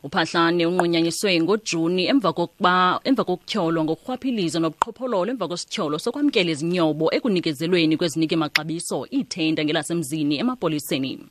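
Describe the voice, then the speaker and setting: Lady reading radio news, really quick, lowish voice, dry studio sound. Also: no room sound. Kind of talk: scripted news bulletin.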